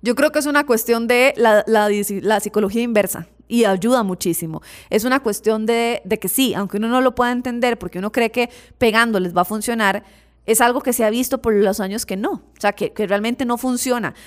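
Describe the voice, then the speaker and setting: Woman host lecturing on raising kids, kinda high voice, repeats stuff to drive it home. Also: brisk. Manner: emphatic, repeats words for stress, addresses listeners directly. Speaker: parenting advice host. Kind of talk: direct-to-audience advice talk.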